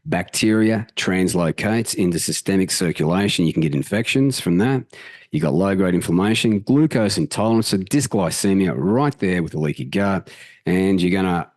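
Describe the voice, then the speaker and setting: A man with a very low voice walks viewers through health slides with lively, casual energy. He throws in the odd swear word as he goes. The sound is dry and close, with no room echo. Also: moderate pace. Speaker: health channel host. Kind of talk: presenting slides, casual talk.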